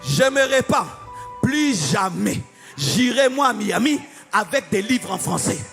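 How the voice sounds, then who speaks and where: A man preaching a sermon as pastor, often shouting and slipping into sing-song. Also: sits high, lively intonation, measured pace, creaky. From DR Congo. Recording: echoey hall with faint music.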